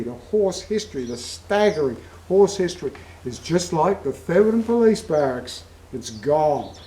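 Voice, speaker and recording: A man's voice: fairly high pitch, mellow, echoey room, rough recording. An Australian man hosting a vlog, telling a story in a folksy, heartfelt way. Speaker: vlog host. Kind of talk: casual storytelling.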